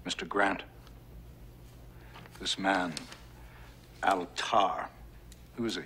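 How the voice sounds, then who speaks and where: An older American official in a film drama. His voice is very deep. He chairs the briefing gravely, with short, commanding questions. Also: fairly even intonation, drawn-out words, sharp tone, slight background noise, exaggerated voice. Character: grave older male government chief, commanding and terse.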